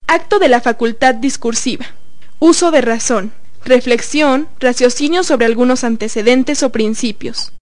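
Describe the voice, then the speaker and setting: Female reader for definitions, a bit high, dry close recording. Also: moderate pace, no echo. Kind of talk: reading dictionary definitions.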